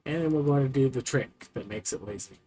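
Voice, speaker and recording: A man's voice: mid-range voice, a little fast, warm tone, low-quality recording. A man casually commenting on his own gameplay, rambling and talking to himself with frequent fillers. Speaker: streamer.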